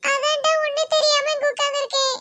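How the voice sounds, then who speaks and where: A woman's voice: very high-pitched, level tone, quick pace, pushed and bright, a little hiss or hum. A woman voicing a young cartoon girl stuck at a shop, who pleads and later turns cheeky and mocking. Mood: worried. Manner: pleading, then cocky and mocking.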